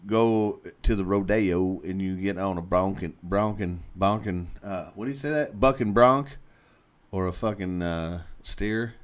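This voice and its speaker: A man's voice: low-pitched, unhurried. Giggly man explaining things on a podcast. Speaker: podcast co-host. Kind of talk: casual chat.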